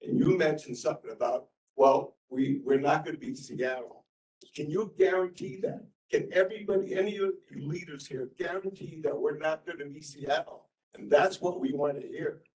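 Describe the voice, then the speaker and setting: A man's voice: a little high, brisk, hardly any pauses, a little mellow. A man at a public meeting presses the officials, indignant and challenging. He sounds distant, his voice bouncing around a roomy hall. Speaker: public commenter. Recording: echoey hall, far from the mic.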